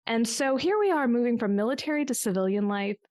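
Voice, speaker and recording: An American business coach in her forties tells her story reflectively as a guest in a conversational podcast interview, with small restarts along the way. Her voice is on the high side, expressive, fast and a little mellow, recorded in clean studio sound with no echo.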